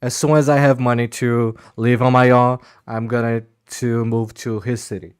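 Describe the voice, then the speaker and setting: A man's voice: mid-range voice, little pitch movement, moderate pace, clear, resonant tone. Brazilian guy hosting, lots of uhs. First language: Portuguese. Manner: hesitant, many fillers, laughs often. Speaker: podcast host. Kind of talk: casual video-call interview.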